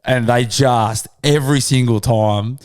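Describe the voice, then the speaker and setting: A man's voice: medium pitch, steady tone, measured pace, darkish tone, no room sound, studio quality. An Australian man chatting casually as a podcast host, blunt and sweary with plenty of slang.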